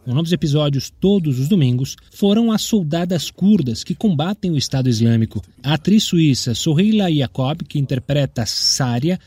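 A man's voice: fairly high pitch, animated, normal speed, few pauses, warm tone, slightly rough, no echo. A man with a Brazilian accent reading scripted news narration as a presenter.

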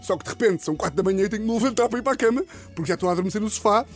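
A man with a European Portuguese accent, telling a comic story as a podcast host, animated and laughing often. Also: very fast, soft background music. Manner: animated, laughs often, slips into high-pitched impressions. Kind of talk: comedic storytelling.

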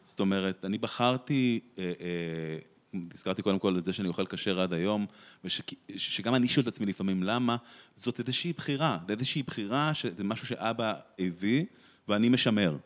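A man from Israel, a translator and theatre director, talking thoughtfully in an interview, often restarting his sentences. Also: lowish voice. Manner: thoughtful, with many restarts and pauses. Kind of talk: reflective interview conversation.

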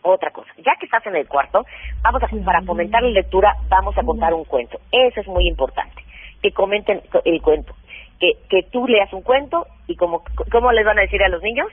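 A woman's voice: mid-range voice, a little fast, husky, no echo. A woman who is a parenting expert gives practical advice in a radio interview and explains things step by step with examples. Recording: phone-like narrow band, dry.

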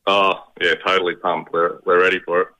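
A man's voice: low-pitched, little pitch movement, a little fast, sharp tone. A middle-aged man with a Queensland Australian accent, chatting casually and a little hesitantly as a guest on a radio call. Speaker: radio interview guest, proud father. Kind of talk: casual chat. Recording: dull, band-limited radio call.

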